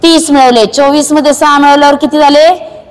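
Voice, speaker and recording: High-voiced woman teacher in echoey classroom. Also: steady tone. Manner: brisk, coaxing, hurrying children along. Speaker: primary school teacher. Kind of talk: classroom teaching through a game. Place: school classroom with children.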